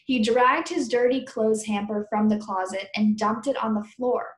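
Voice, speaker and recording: A woman teacher with a fairly high voice reads a children's book aloud at a moderate pace, pausing to question and explain things to her pupils. The recording has a roomy indoor echo.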